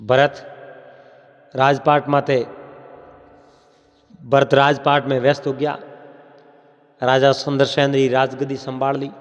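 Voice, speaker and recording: A man with a Marwari accent narrating a folk tale in an unhurried storytelling manner, slipping into quoted characters. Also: mid-range voice. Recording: dull lo-fi with long reverb.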